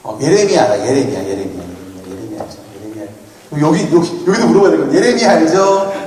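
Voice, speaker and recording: Man in his 30s, retreat speaker, animated and teasing, fairly high voice, heard from afar in a reverberant hall. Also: fast. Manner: playful, asks the audience questions. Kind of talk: lively youth sermon with jokes. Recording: echoey hall, mic from far off, faint noise.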